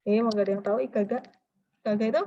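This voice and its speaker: A woman teaching a language class, explaining phrases and quizzing her students with drawn-out prompting questions. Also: mid-range voice, steady tone, dark tone, dull audio, a little hiss or hum. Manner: switches between explaining and drilling phrases. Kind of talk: interactive classroom lecture.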